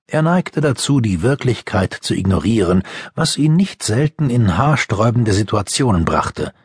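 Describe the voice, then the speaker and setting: A man reading a youth fantasy audiobook with lively storytelling. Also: fairly low pitch, moderate pace, breathy edge, dry recording, clean studio sound. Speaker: audiobook narrator. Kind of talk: scripted narration.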